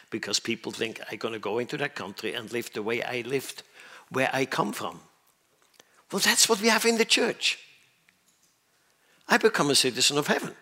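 With a bright, forceful, mid-range voice, a man from Switzerland preaches emphatically. Again and again he asks the congregation whether they've understood the points he's stressing.

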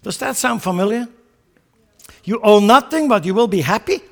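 High-voiced man preaching. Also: animated, moderate pace, gravelly. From Switzerland. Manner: emphatic, swings between loud stressed phrases and quiet asides; joking, chuckles at his own remarks. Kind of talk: sermon.

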